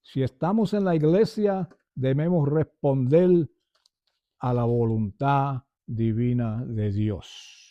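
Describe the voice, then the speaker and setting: A man's voice: medium pitch, slow pace, no echo, highs cut off. An older man giving an earnest personal testimony and calling his listeners brothers.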